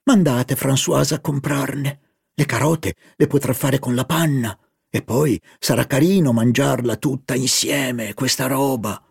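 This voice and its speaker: A man's voice: medium pitch, a little slow, creaky, a little mellow, breathy edge, no room sound, studio quality, heavily acted. A man voicing a playful young woman in an audiobook, eager and coaxing as she chatters. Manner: bubbly, coaxing. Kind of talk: audiobook character voice.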